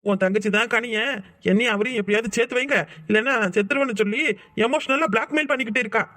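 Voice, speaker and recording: A man voicing an earnest, self-sacrificing young man in a cartoon who speaks calmly and reasons from the heart. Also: very high-pitched, fast talker, no echo, clean studio sound. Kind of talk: cartoon voice acting.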